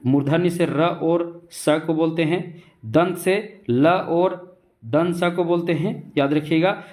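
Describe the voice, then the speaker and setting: A man teaching an exam-prep grammar lesson, speaking slowly and repetitively, asking questions and answering them himself, and drawing out letter sounds as examples. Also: on the high side, a little mellow. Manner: slow and repetitive, keeps asking and answering his own questions; stretches out letter sounds when demonstrating.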